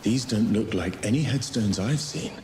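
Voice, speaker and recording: A man voicing an ancient male spirit companion who speaks in a measured, formal and grave way. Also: lowish voice, darkish tone, slight background noise, close to an everyday voice. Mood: solemn. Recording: roomy echo over game music.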